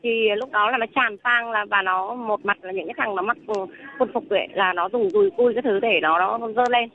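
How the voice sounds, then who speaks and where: A woman's voice: medium pitch, animated, fairly quick, creaky. A woman from Vung Tau who is calling in as a protester and telling her story in an agitated, rambling way. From Vung Tau, southern Vietnam. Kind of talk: phone interview. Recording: tinny phone line with faint noise.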